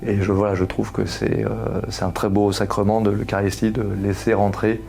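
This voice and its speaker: A man's voice: fairly low pitch, level tone, moderate pace, vocal fry, darkish tone, faint music behind. A man in his thirties giving an earnest personal testimony, explaining his views with homely comparisons. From France. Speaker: husband giving a faith testimony.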